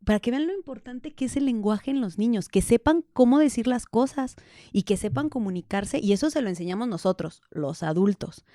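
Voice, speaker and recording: Woman guest, animated and candid, higher pitched, recorded dry and close. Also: brisk, no echo. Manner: animated, laughs often, acts out quoted dialogue. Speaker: podcast guest. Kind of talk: candid conversational storytelling.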